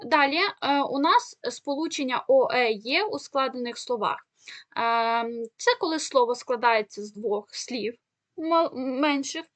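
High-voiced woman teaching a lesson. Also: fairly bright tone, dry recording. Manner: explanatory, with frequent fillers and rhetorical questions. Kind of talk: online exam-prep lesson.

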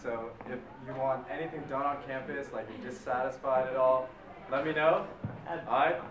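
A young man talking casually at an open mic, halting and full of fillers, with a self-deprecating manner. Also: medium pitch, steady tone. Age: young adult. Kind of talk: casual stage talk. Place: large lecture hall stage. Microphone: far camera in the audience. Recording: roomy hall from far off with loud crowd. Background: audience chatter.

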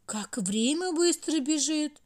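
A woman's voice: high voice, expressive, slow pace, a little mellow, pitched above the performer's own voice. A woman voicing the Year, a pompous, sleepy old father figure who grows grumpy in a storybook tale. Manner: important, grumpy.

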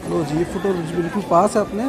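A man giving live, brisk commentary on a train journey, full of times and train details, filmed on a phone aboard the train and on a railway platform outdoors. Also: high voice, fairly even intonation, over loud music, a loud crowd. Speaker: train travel vlogger. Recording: loud train and outdoor noise.

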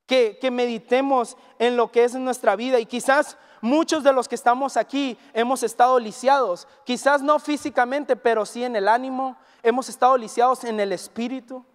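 A man's voice: extremely high pitch, normal speed, hardly any pauses. A man with a Mexican Spanish accent preaching a Sunday sermon, telling a story and acting out the people in it. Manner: animated storyteller, acts out quoted dialogue. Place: church hall. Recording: reverberant hall.

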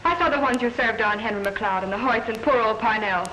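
A woman's voice: a little high, a little fast, sharp tone, muffled recording. A woman playing a spirited, outspoken young rancher's granddaughter in a 1940s western film. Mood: defiant. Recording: echoey, noisy 1940s film soundtrack.

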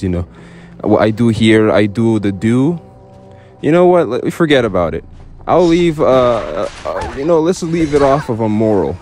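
A man's voice: lowish voice, a little mellow, slight background noise. A young man giving rambling, joking commentary over a game, stammering often and swearing casually. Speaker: gaming YouTuber.

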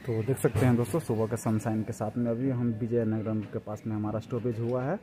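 This young travel vlogger speaks fairly quickly in a mid-range, level voice, with crowd noise around him. Holding his phone at arm's length, he records casually inside a train and then at a busy outdoor railway station, calling his viewers friends again and again amid loud train and station noise.

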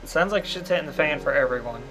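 A man's voice: on the high side, quick pace. A man hosting a casual game playthrough, joking and often exclaiming at what happens. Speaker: host. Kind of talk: casual gameplay commentary. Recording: background music clearly audible.

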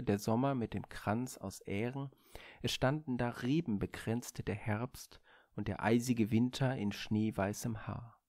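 A man reading a Greek myth aloud in a measured, expressive storybook manner on a studio microphone. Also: mid-range voice, dry recording.

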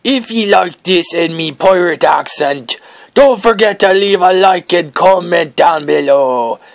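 Jolly pirate acted by a man for game commentary: creaky, gravelly pirate accent, unhurried delivery. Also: high voice, animated, no room sound, studio quality, full character voice. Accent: put-on pirate. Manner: pirate voice with archaic "ye" and "be" speech. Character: gruff jolly male pirate chatting to his matey. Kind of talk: playful in-character gameplay commentary.

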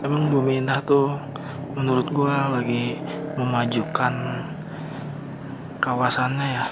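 Talking a little slowly in a medium-pitched voice, a young man vlogs from his motorbike as he rides through town. He keeps it slangy and relaxed, speaking straight to viewers, while traffic and wind noise fill the outdoor recording.

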